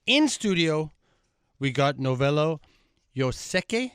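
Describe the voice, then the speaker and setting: A man hosting a football interview show in a studio, excitable and rambling as he introduces and questions his guest. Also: slow, over loud music. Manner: excitable, rambling introductions with big pitch swings. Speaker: podcast host. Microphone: studio microphone.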